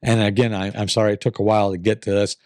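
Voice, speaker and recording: A man hosting and reading listener-submitted stories casually and earnestly, his voice raspy as he gets over an illness. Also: fairly low pitch, level tone, quick pace, darkish tone, no echo, studio quality. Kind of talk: casual storytelling, reading letters aloud.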